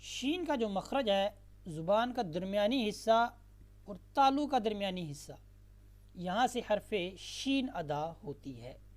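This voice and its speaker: A woman teaching a tajweed lesson. She moves between slow, drawn-out chanted recitation and brisk spoken explanation, and repeats words patiently for the learner. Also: mid-range voice, animated, a little mellow.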